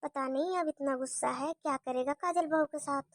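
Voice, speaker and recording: A woman's voice: sits high, a little fast, dry recording, clean studio sound. A woman voicing a fond, worried older mother-in-law in a cartoon story, fussy and chatty.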